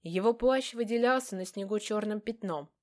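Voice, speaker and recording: A woman narrating a first-person fantasy novel in a measured, expressive reading voice. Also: medium pitch. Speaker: audiobook narrator.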